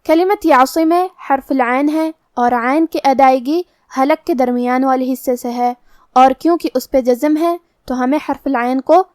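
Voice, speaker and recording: A woman teaching the rules of Quran recitation, explaining each letter methodically between slow recited verses. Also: high-pitched, no room sound, clean studio sound. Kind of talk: tajweed lesson with slow recitation.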